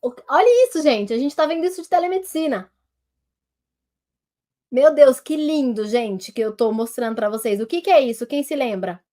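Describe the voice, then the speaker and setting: A Brazilian woman who is a doctor teaches telemedicine in an online lesson, speaking Brazilian Portuguese at a normal speed. A head cold makes her high-pitched voice a little nasal. Recorded on a basic webcam, she addresses her viewers as a group in a lively, hands-on way, demonstrating on herself.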